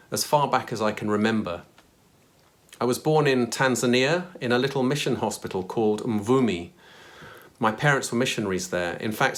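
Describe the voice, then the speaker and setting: A man from Kenya giving an earnest, reflective personal faith testimony to his church. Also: medium pitch.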